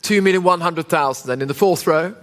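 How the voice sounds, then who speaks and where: A man's voice: fairly high pitch, brisk, fairly bright tone. A man working as a live auctioneer, calling bids with polite, coaxing patter and repeating the figures. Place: large indoor auction saleroom. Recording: reverberant hall sound.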